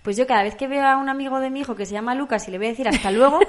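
A woman's voice: sits high, very fast. A woman with a Castilian Spanish accent from Madrid, chatting casually in a colloquial, exclamatory way. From Spain, Madrid area. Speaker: co-host. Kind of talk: casual chat.

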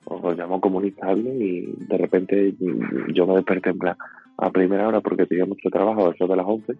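A man's voice: deep voice, flat delivery, quick pace, husky. A man making joking, teasing casual conversation as a podcast co-host. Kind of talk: casual chat. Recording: dry phone-like line, music behind.

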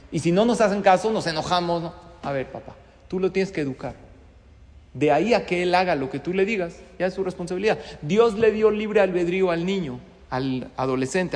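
A middle-aged man, a rabbi, gives a sermon in a synagogue, telling a story with lots of rhetorical questions. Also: a little high. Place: synagogue study hall. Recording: long reverb in a hall.

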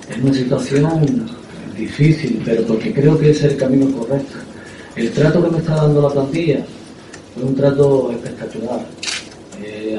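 A man, a football coach, answering at a press conference in a halting way, often repeating words and filling pauses with "eh". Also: mid-range voice, mellow, a little hiss or hum. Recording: echoey room, distant mic.

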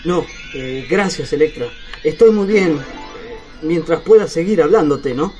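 A man's voice: fairly high pitch, lively intonation, measured pace, mellow, faint music behind. A man playing Luis, a smitten young man. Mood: tender. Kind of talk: radio drama acting.

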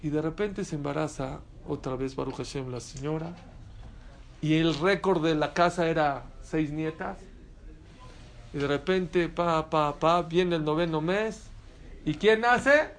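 A man's voice: a little high, measured pace. A man giving a sermon to a live audience, telling stories with rhetorical questions and Hebrew terms mixed in. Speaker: religious lecturer.

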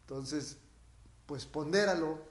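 A Mexican man with a raspy, boozy-sounding voice, chatting informally as he explains things and answers viewers' questions. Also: on the high side, slow. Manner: informal, explanatory, frequently checking with the listener. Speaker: dog trainer hosting a question-and-answer livestream. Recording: echoey room.

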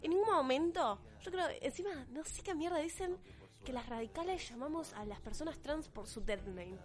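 A woman's voice: high voice, lively intonation, normal speed. A teenage girl with an Argentine accent, ranting to camera in a blunt, profane and sarcastic way. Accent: Argentine Spanish. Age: teens. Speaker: vlogger. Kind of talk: opinion rant to camera.

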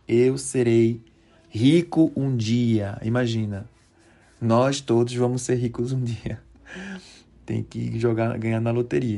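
A man teaching verb conjugations, slow and deliberate, drawing out each form and checking in often with "certo?". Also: medium pitch, gravelly, mellow. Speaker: Portuguese teacher for Spanish speakers. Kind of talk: conjugation lesson.

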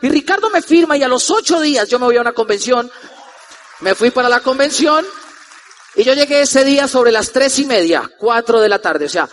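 A young Colombian man in his twenties telling a lively personal story to a live audience as a motivational speaker, acting out the people in it. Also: extremely high pitch, a little hiss or hum. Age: 20s. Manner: animated, acts out the voices of the people in his story.

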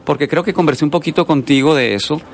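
A man's voice: fairly high pitch, fast talker. A man from Colombia, a guest artist in a radio interview who tells long stories full of asides. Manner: storytelling, rambling with asides. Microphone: studio microphone.

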